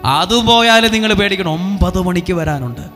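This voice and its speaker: A priest leading a revival sermon, coaxing the crowd with repeated call-and-response lines. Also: male voice, high voice, expressive, normal speed, sharp tone, in a large hall, faint music behind. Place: retreat centre hall.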